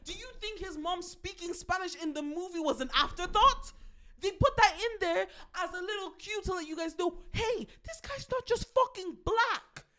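A young woman rants in casual podcast chat, swearing and laughing as she goes. Her voice sits high and swings widely in pitch. Its tone is bright and sharp. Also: animated. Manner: ranting, swearing, fast and laughing. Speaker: podcast co-host.

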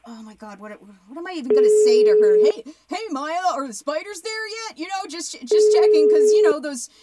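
An actress playing a frantic, profane podcast host who stammers and pleads. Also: female voice, high-pitched, no echo. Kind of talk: audio drama acting.

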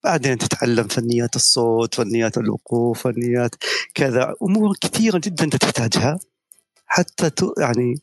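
A man's voice: mid-range voice, fairly quick. A middle-aged man speaks as a guest media professional in a talk on an audio chat room. He lectures persuasively and tells anecdotes.

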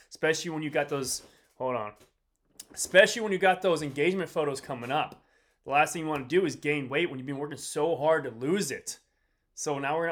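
This fitness coach and podcast host has a fairly bright, slightly high voice, and he comes across as ill and worn out. His casual motivational talk to a live audience is full of slang, repetition and rambling direct address.

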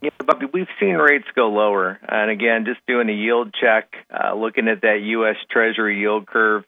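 A man's voice: lowish voice, normal speed, creaky, no echo. Phone-line man giving market commentary. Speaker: financial market analyst guest on a radio show. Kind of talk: market commentary, conversational radio talk. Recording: tinny, narrow phone-like line.

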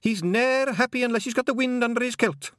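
A man's voice: extremely high pitch, a little fast, a bit bright, no room sound, studio quality, voice pushed up. A man voicing a tiny, shy, polite pixie man in a kilt, speaking with a Scottish accent and deferring to his mistress. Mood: chatty. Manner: hesitant, deferential.

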